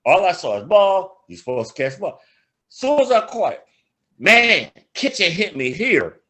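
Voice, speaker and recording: A man's voice: sits high, measured pace. An older man co-hosting a casual sports podcast, telling stories with lots of laughter and swearing. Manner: animated, laughing storyteller, swears freely. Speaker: podcast co-host, grandfather.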